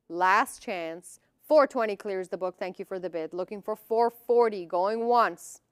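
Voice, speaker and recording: Clear, measured woman auctioneer calling bids. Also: medium pitch, no echo, clean studio sound. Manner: formal, clipped, repetitive bid calling.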